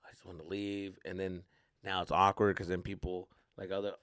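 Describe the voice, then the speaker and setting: A low, clean-toned, fairly quick voice belongs to a Mexican-American comedian and podcast host telling casual solo stories. He swears, uses slang, slips into Spanish, and animatedly acts out others' reactions. The studio sound is clean with no echo.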